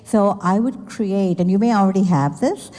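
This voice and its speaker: A woman's voice: medium pitch, normal speed, mellow. A woman speaker on a business panel giving candid, joking advice to an audience. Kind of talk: panel talk answering a question. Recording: echoey event hall.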